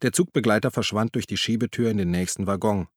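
A man narrating a crime novel in a measured, even tone. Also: fairly low pitch, dry recording, studio quality. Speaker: audiobook narrator. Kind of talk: scripted narration.

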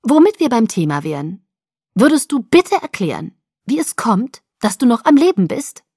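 A woman's voice: mid-range voice, sing-song, normal speed, darkish tone, no room sound, studio quality. A woman playing a stern, skeptical young woman. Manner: pointed, questioning delivery.

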